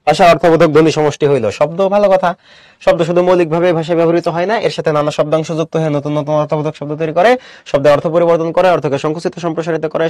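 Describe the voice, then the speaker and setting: A young man teaches an online class, walking through each point and asking his students questions. His voice sits a little high for a man. The sound is dry and close, with no room echo. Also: a little mellow. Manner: explains step by step, asks questions to the class.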